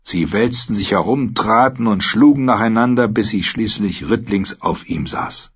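Low husky male audiobook narrator. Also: moderate pace. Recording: dull lo-fi recording.

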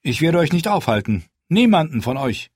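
A man voicing a young, proud and stubborn queen in an audiobook, speaking firmly with a raised pitch. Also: sing-song, normal speed, a little mellow, slightly rough, no room sound, clean studio sound. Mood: resolute. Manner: raised pitch, firm commanding delivery. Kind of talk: audiobook character voice.

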